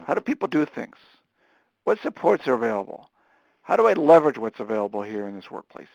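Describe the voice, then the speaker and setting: A man delivers a webinar lecture at a rapid, animated clip, often restarting his sentences mid-thought. His voice is gravelly and sits at an ordinary pitch. The sound is dry and close, with no room echo. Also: lo-fi sound. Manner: fast-talking, animated, with frequent restarts. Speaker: webinar presenter on supported employment.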